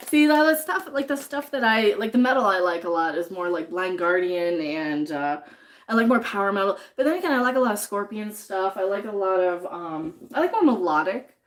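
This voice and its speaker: A woman hosts a livestream while cooking at home, talking in an animated, mid-range voice at a slightly quick pace. Chopping jalapenos has made her sniffly, and she reads comments from viewers out loud.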